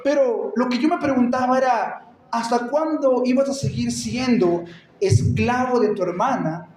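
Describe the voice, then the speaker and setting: A man voicing a gentle old grandmother who calmly lets a boy know she saw everything. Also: very high-pitched, a little slow, a little hiss or hum. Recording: echoey church hall.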